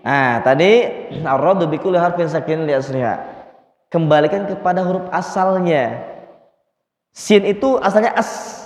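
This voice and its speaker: A man teaching Quran recitation, patiently drilling sounds and chanting slow, drawn-out verses. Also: a little high. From Indonesia. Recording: long reverb in a hall.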